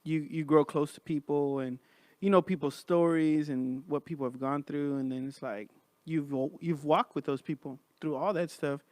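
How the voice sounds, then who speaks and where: A man's voice: on the high side, steady tone, moderate pace, darkish tone, no room sound. Casual male podcast host, dry close sound. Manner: informal, says man and bro often. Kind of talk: casual chat.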